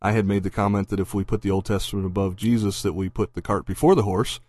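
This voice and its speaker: A man in his forties with a mild Southern accent, co-hosting a podcast in a relaxed, chatty way, thinking out loud with frequent ums and easy laughs. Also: on the low side, quick pace. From Pennsylvania. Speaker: podcast co-host. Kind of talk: casual chat.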